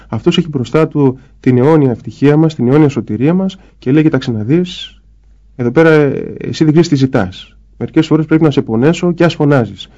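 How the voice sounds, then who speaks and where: Man, priest, spiritual conversation, warm mellow tone, slightly high voice, explanatory, muffled recording. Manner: explanatory, acts out little dialogues. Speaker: Orthodox priest guest.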